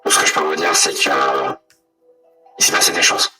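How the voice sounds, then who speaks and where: A man playing a secretive masked former guard, speaking hesitantly through a voice changer that deepens his voice. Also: fairly even intonation, a little fast, sharp tone, soft background music, exaggerated voice. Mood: cagey. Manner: hesitant, evasive, stammering.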